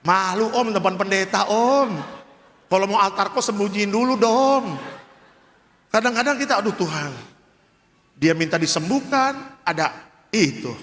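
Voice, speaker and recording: A man's voice: sits high, normal speed, a bit bright, slight background noise. A man pastor preaching a sermon in a large church hall, emphatic and joking, questioning the congregation.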